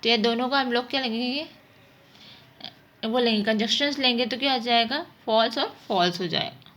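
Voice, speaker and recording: This informal math lesson is given by a woman whose voice is on the high side and a bit bright, at a normal pace. She walks through problems step by step, regularly supplying answers to her own questions.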